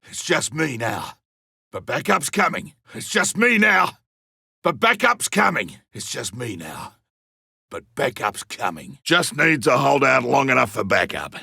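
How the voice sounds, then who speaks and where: Griffin, gravelly old veteran monster hunter. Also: male voice, high-pitched, sharp tone, dry recording, clean studio sound, heavily acted. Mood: grimly determined. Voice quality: gruff, gravelly. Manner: colloquial, wry, theatrical. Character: ageing veteran monster hunter, gruff, cocky and stubborn. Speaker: playable game character. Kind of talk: video game combat voice lines.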